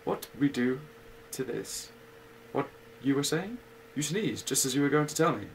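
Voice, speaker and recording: A man's voice: medium pitch, expressive, normal speed, vocal fry, a little hiss or hum, voice pushed up, poor audio. Winnie the Pooh, read by a man. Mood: dreamy. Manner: earnest and dreamy. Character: humble, simple small male teddy bear.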